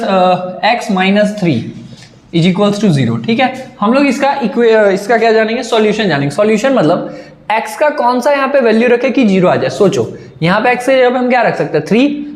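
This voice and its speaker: A male math teacher with a high voice gives a classroom-style lesson, quizzing students by posing questions he then answers himself and going back over key points. The room he's recorded in is echoey.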